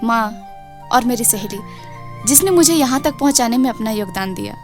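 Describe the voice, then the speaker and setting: An earnest, determined village girl , played by a woman, speaking plainly in rustic dialect. Her voice is high. Soft music plays in the background. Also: animated, normal speed, close to an everyday voice. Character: determined village girl grown into art teacher.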